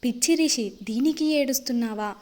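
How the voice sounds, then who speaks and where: A doting young husband who coaxes and reassures in a soft, affectionate tone, as a woman narrator reads him. The voice stays high, the way a single reader carries every part of a romance story. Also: normal speed, lightly acted. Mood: tender. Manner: soothing, affectionate delivery. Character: young husband, tender and coaxing, gently teasing. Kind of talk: audiobook character reading.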